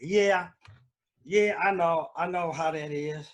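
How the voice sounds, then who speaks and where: A man with a slightly higher voice hosts a casual live stream from home. He rambles along loosely, full of fillers and restarts, talking into a computer mic. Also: slow pace, lo-fi sound. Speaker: host.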